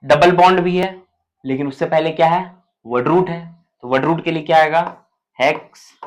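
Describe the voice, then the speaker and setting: A man with a somewhat high voice gives a chemistry lecture. He explains each step in a colloquial, matter-of-fact way and keeps checking that the students are following. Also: normal speed. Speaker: chemistry teacher. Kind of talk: classroom lecture.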